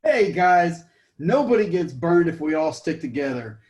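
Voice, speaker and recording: A man's voice: on the high side, sing-song, moderate pace, darkish tone, roomy sound. A man who works as a home inspector giving a blunt, enthusiastic panel tip and stumbling over his words. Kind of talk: brief panel introduction and advice.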